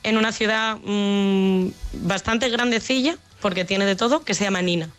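A woman's voice: mid-range voice, moderate pace, faint music behind. A young woman from Extremadura with a Madrid-leaning Spanish accent, chatting as a guest and laughing often over a remote call. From Extremadura, Spain. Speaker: guest, au pair in Ireland. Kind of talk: casual radio chat.

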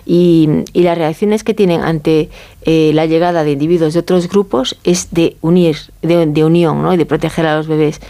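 Speaking at normal speed with a steady tone, this Galician interview guest has a Castilian accent from Spain and a mellow, soft-edged voice pitched a little low. She explains things conversationally and frequently closes phrases with a quick checking question.

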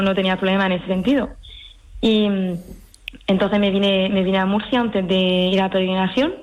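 A woman raised in France, now a nun, recounts her calling in a gentle, thoughtful voice. She talks slowly and reflectively, often hesitating and starting her sentences over. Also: mid-range voice, low-quality recording. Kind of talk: personal vocation testimony.

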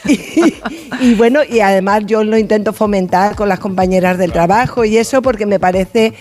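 A woman's voice: medium pitch, normal speed, a little mellow. Chatty woman from the studio audience. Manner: hesitant, chatty, many fillers. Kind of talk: casual chat on a radio show.

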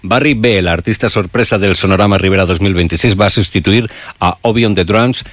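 A man hosting a morning radio show, reading local news briskly and chatting with a co-host. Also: fairly low pitch, no echo.

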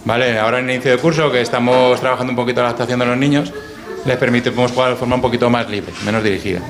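A man from Madrid with a Madrid accent, a preschool teacher calmly explaining his classroom methods. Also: medium pitch, racing. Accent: Madrid Spanish. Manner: easygoing, explains clearly. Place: classroom with children. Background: children's chatter.

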